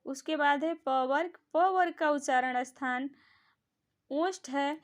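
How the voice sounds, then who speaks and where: A woman's voice: high voice, unhurried. A woman teaching a grammar lesson, patiently repeating each sound aloud for the learner to copy. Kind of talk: classroom-style grammar lesson.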